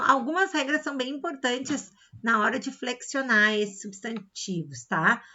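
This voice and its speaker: A woman's voice: mid-range voice, sharp tone. A woman with a Brazilian Portuguese accent teaching a recorded grammar lesson, explaining step by step and checking in with frequent "tá?" and "né?". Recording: slightly dull lo-fi sound.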